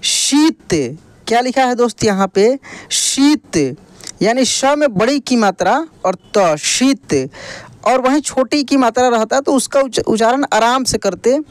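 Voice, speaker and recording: A woman teaching a Hindi reading lesson, explaining slowly, asking rhetorical questions and repeating the answers. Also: fairly high pitch, no echo. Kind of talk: classroom lesson.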